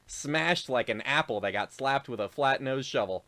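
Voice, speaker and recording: A man's voice: medium pitch, expressive, slow pace, a bit bright. A man narrating as game master of a tabletop game, rambling with fillers and frequent chuckles.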